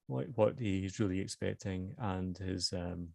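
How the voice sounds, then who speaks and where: A man's voice: sits low, steady tone, measured pace, gravelly, no echo. A middle-aged man with a Glasgow Scottish accent, a novelist who talks hesitantly about his book and reads from it. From Scotland. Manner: hesitant, with many fillers and restarts in chat. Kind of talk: author reading and book talk.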